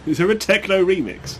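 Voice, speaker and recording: A man streaming a game speedrun and chatting casually with viewers as he plays. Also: sits high. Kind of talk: casual live gameplay chat. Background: game sound and ambience.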